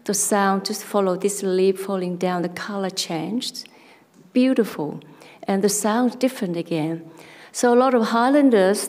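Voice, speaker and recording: A Vietnamese artist with a lowish voice and a Vietnamese accent speaks slowly about her work, presenting slides as a panelist at a public forum. She is halting, soft and reflective, searching for words, and the arts centre hall adds long reverb.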